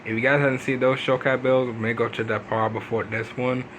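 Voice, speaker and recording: Man, casual gameplay commentary, rambling, filler-heavy, sudden pitch jumps, faint noise. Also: little pitch movement, fairly quick, fairly bright tone, rough recording. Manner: rambling, leans on "pretty much" fillers and restarts. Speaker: gaming video host.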